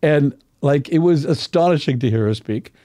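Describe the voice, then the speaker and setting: A man speaking as a dialect coach guest, explaining casually in a halting, thoughtful way. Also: fairly high pitch, animated, mellow, dry recording, clean studio sound.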